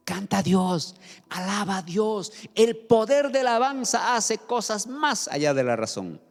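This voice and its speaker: A man's voice: high voice, sing-song, measured pace, faint music behind. A man preaching a fervent sermon as pastor, often asking the congregation questions. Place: church hall. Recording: long hall reverb.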